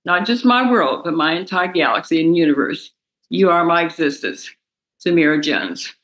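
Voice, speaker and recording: A young woman, the victim's daughter, reading a prepared impact statement aloud in a courtroom, emotional and halting, stumbling and restarting words. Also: lowish voice, lively intonation, fairly bright tone, poor audio. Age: young adult.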